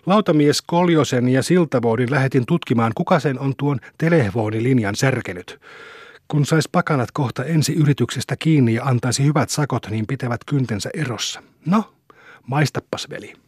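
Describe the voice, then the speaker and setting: A man's voice: medium pitch, a little mellow, slightly rough, no room sound, clean studio sound, natural voice. A man doing a fretful old rural police chief. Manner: fretful, bewildered.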